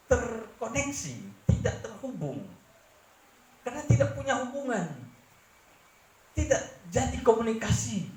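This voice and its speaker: A middle-aged man with a Manado accent preaching a sermon as pastor, dropping low to confide and rising to press his points. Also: darkish tone. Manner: earnest preaching, sweeping from low confiding tones to raised emphatic ones. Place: church hall. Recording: roomy church echo, faint ambience.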